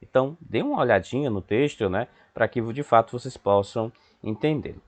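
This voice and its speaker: A man's voice: mid-range voice, normal speed. A man with a Brazilian accent teaching a Portuguese class, explaining patiently and often checking in with his students. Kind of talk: recorded remote class lesson.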